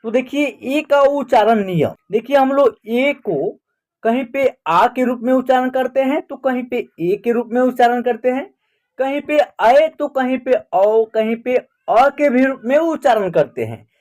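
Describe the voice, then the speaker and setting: A man's voice: very high-pitched, a little slow, darkish tone. A man with a Hindi accent teaching English pronunciation, spelling words out letter by letter and checking in with learners. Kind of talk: slow spelling and pronunciation lesson.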